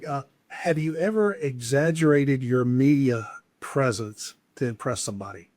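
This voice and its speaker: Laid-back guy hosting a podcast, mid pitch, uhs and ums, dry sound. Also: no echo. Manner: relaxed, asks quick questions with fillers. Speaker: podcast host. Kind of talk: casual interview.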